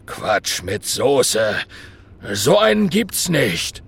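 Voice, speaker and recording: A man voicing a grumpy, gruff big male dragon father with a gravelly growl. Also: medium pitch, very animated, extremely slow, heavily acted. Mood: grumbling.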